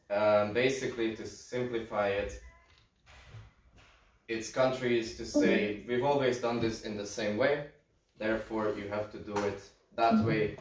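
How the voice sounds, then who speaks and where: A man in his thirties from Hungary lectures a class, relaxed and steady, with touches of dry humour. His slightly low voice is picked up from across an echoey room. A faint hiss sits under the sound. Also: recorded from a distance. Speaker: guest lecturer.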